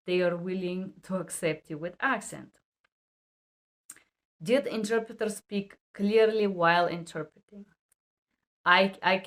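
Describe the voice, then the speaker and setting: Her voice sits on the low side as this medical and legal interpreter teaches to camera. In emphatic, non-native English, she bluntly repeats the key rules.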